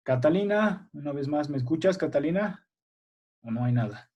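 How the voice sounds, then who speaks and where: A man's voice: a little high, lively intonation, moderate pace, a little mellow, lo-fi sound. A man teaching a primary school language class over a video call, patiently quizzing his pupils and encouraging them. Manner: patient, encouraging, checks in often with "a ver" and "¿ya?".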